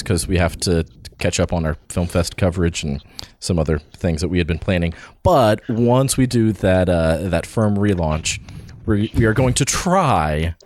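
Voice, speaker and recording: A man's voice: on the low side, a little mellow, no echo. A man hosting a podcast in casual chat, rambling with lots of filler words and restarts. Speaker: podcast host.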